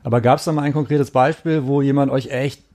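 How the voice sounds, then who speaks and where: A man hosts a relaxed podcast conversation. His voice is mellow and warm, at a middle pitch. He is easygoing and slangy, nodding along with frequent agreement before asking his next question. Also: fairly quick. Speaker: podcast host. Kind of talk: casual interview chat.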